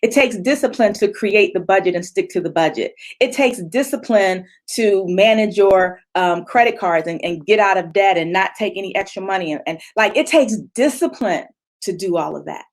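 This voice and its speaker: A woman coach giving a live motivational talk over a video call. She talks in a lively, conversational way, acts out people's inner voices and answers audience comments as she goes. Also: mid-range voice, moderate pace. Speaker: motivational coach leading a retreat session.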